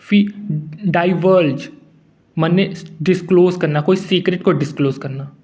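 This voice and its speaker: A man teaching English vocabulary in a relaxed, conversational way, mixing English words into his Hindi. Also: high-pitched, measured pace. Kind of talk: casual explanatory lesson.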